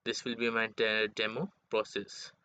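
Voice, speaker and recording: A man presenting a software demo as its developer, in halting, non-native English phrasing, on a dull, lo-fi microphone. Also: on the low side, flat delivery, a little hiss or hum.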